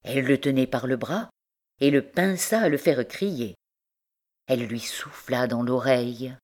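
A woman narrating a literary story in a measured, expressive way. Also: extremely low pitch. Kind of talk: audiobook narration.

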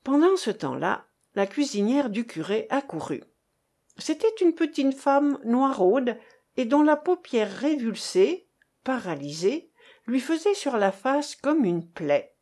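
A woman reads a literary story aloud in a theatrical, expressive way. Her voice sits fairly high and moves a great deal. She takes her time over each phrase. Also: slow pace. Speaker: audiobook reader. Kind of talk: scripted literary narration.

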